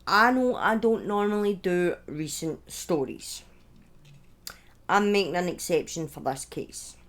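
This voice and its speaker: A woman with a lowish voice tells a true-crime story, part scripted and part conversational. She pauses haltingly, throws in offhand asides and shares her opinions along the way.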